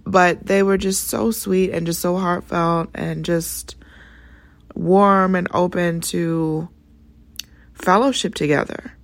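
Female podcast host, low-pitched with a gravelly edge, casual animated storyteller. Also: slow, no room sound. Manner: chatty and animated, jumps into high voices for quotes.

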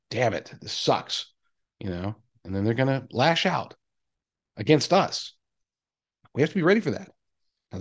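A podcast host with a medium-pitched, darkish voice speaks to his audience in a conversational yet emphatic monologue, at times voicing imagined replies.

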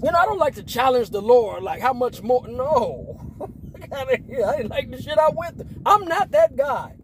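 A man in his forties from Las Vegas who talks like a preacher in a relaxed way. He uses slang, laughs often, and sometimes breaks into emphatic shouts. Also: very high-pitched, normal speed, a little hiss or hum, poor audio. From Las Vegas, Nevada, US. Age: 40s. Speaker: preacher and podcast host. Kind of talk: casual preaching talk.

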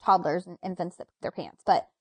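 A woman's voice: lowish voice, a little fast, husky, no room sound. A young woman co-hosting a chat podcast, telling exasperated stories about her toddlers. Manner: animated, exasperated storytelling. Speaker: podcast co-host. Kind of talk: casual chat.

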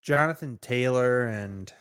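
A young man on a podcast, bantering quickly and getting excited. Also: mid-range voice, clean tone, no room sound, studio quality. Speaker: podcast co-host. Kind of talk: casual chat.

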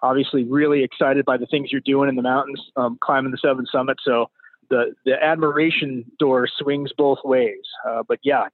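A man's voice: mid-range voice, no echo. Male guest on a tinny phone line. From Ecuador and the United States. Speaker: podcast guest. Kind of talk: interview answers. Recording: phone-line call, dry.

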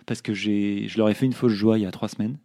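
A man's voice: fairly low pitch, steady tone, fast talker, mellow. A man co-hosting a casual podcast among friends, joking and self-mocking. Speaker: podcast co-host.

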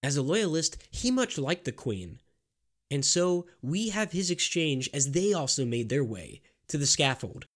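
A man narrating a scripted history story in a measured, grave storytelling manner. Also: on the high side, very animated.

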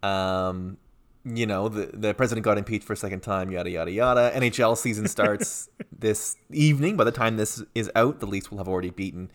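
Rambling sports podcast host. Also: male voice, lowish voice, fairly quick. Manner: rambling, many fillers and restarts. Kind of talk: casual sports podcast chat.

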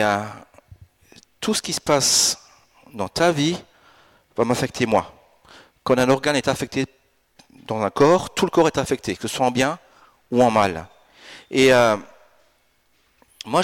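A man in his fifties delivers a church sermon from the pulpit. His voice sits at a middle pitch, and his delivery is animated, rising into emphatic, urgent bursts as he presses his points. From France and Italy. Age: 50s. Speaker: pastor. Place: church in Alsace.

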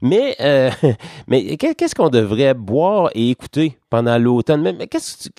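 A man's voice: medium pitch, big pitch swings, takes it slowly, mellow, no echo, clean studio sound. A man with a Québécois French accent hosting a radio show, chatting casually and joking with a guest. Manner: joking, playful, bouncy intonation.

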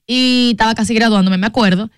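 A woman hosting a radio talk show, chatting casually and telling stories with animated laughter. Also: a little high, quick pace, smooth, no echo, studio quality. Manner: animated storyteller, laughs often. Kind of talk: casual studio chat. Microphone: studio microphone.

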